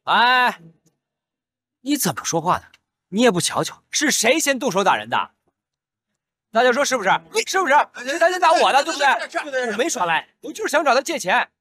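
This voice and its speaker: A man's voice: extremely high pitch, sing-song, a little fast, bright, forceful tone, slightly rough, exaggerated voice. An actor playing a broke young male gambler in a costume TV drama, pleading and whining, yelping when hurt. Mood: indignant. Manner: pleading, whiny, yelps in pain.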